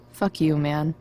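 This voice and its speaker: An actress playing a sarcastic, defiant, rebellious teenage girl in a video game, with dry, slangy, halting delivery. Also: deep voice, mellow. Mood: guarded, defiant. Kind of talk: video game dialogue acting.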